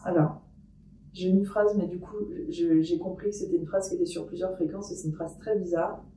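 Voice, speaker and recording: A woman recording a paranormal experiment vlog at home, talking her thoughts aloud in a hesitant way with many pauses and restarts. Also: fairly low pitch, steady tone, dark tone, recorded from a distance. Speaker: paranormal investigator. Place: room in her house. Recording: echoey room, voice off-mic.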